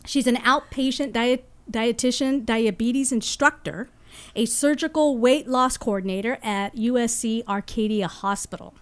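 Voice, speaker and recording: A fairly high-voiced woman hosts a community podcast from a studio, rambling and restarting her sentences. A clear music bed runs under her talk. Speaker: podcast host. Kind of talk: chatty local podcast interview. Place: studio with guest.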